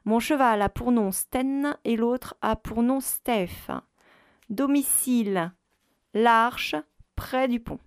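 A woman reading the part of a grumpy, haughty medieval duke, speaking slowly in stately, archaic phrasing. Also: fairly high pitch, clean tone, no echo, studio quality.

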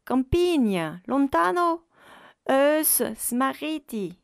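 A woman voicing a cheerful young male foreign camper who speaks slowly in broken, mixed-language phrases. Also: high voice, big pitch swings, creaky, dry recording, studio quality, pitched above the performer's own voice, full character voice. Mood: eager.

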